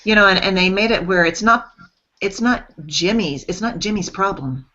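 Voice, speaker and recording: A woman's voice: mid-range voice, lively intonation, moderate pace, sharp tone. A woman from Central Washington talking thoughtfully in a casual group discussion. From Central Washington, USA. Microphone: video call. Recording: dull lo-fi video call audio.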